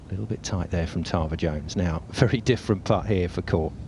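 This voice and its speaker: Low voiced guy doing golf commentary, bit of background noise. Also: brisk, darkish tone. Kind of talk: live golf tournament commentary.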